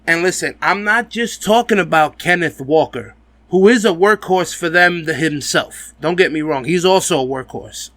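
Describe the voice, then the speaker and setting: A man's voice: on the high side, normal speed, pushed and bright, no room sound. A man with a slight lisp hosting a sports fan podcast, giving blunt, emphatic, profane commentary and speaking straight to the fans. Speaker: host of a football fan video podcast.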